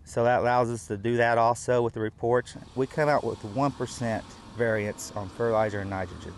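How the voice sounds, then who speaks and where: Plainspoken farmer. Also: male voice, medium pitch, steady tone, fairly quick, slight background noise. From United States. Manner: plainspoken, practical, with fillers. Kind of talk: on-camera interview.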